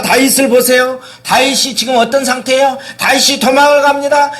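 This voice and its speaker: A man delivers a sermon, throwing rhetorical questions at his congregation and acting out scripture scenes. His voice sits high for a man, and his pitch leaps up and down with animated expression. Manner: acts out biblical characters' words dramatically. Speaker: pastor.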